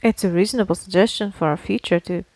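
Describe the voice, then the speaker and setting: A podcast co-host with a mid-range, slightly mellow voice talks fast, with a little hiss or hum in the audio. In casual argumentative banter, she pushes back on her co-host and drops the odd mild swear word.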